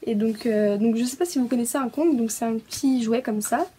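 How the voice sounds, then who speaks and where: A woman's voice: on the high side, brisk, mellow, breathy edge. A woman from France casually unboxing a pet-supply haul, hesitant with many fillers and little giggles. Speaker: pet vlogger.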